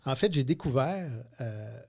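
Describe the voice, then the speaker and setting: A Quebec entrepreneur in his fifties, appearing as a radio interview guest, tells casual stories in an animated, mid-range voice with some creak. He speaks a little slowly in a Quebec French accent, hesitating and repeating words.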